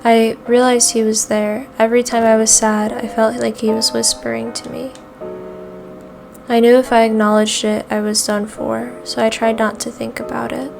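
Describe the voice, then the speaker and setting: An anxious young man, earnest and pleading, speaks in a slightly high voice, as a woman reads his lines. Faint game music plays behind. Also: level tone, normal speed, vocal fry. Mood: somber. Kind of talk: reading game dialogue aloud.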